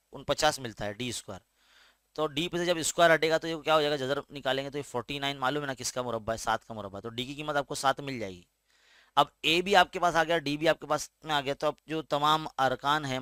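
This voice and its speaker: Explaining a school maths lesson one step at a time, a man with an Indian Urdu-medium accent keeps patiently checking on his students, often with "है ना?". His voice is medium in pitch, pushed, bright and smooth, captured at studio quality with no room sound.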